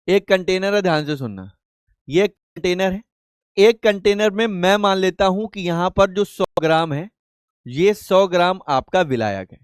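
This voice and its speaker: Male teacher, slightly high voice, dry close sound, lectures by quizzing and answering himself. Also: smooth, no room sound. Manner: asks questions and answers them himself in call-and-response; affectionate, calls students beta and babu. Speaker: chemistry teacher. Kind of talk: live online class lecture.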